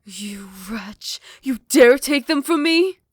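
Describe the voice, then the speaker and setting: A voice actor portrays a possessive vampire queen in an ASMR roleplay, shifting from soft, tender close whispers to furious shouted threats. Her high voice is expressive and slow, recorded without echo in a full character voice.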